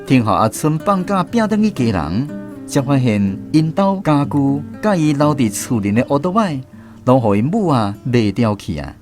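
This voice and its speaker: In a radio drama, a man with a Taiwanese accent voices the narrator, a former army serviceman who wryly and reflectively recounts barracks memories. His mid-range voice is very animated and lightly acted at a moderate pace, with a music bed behind it.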